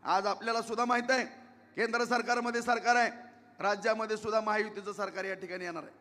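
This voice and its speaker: Man running for office, shouting pleas into a pa, super high sharp voice. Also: fairly even intonation, fast talker, big-room sound. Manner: emphatic, repetitive, pleading with the crowd. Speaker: election candidate. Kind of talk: campaign rally speech. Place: outdoor public rally.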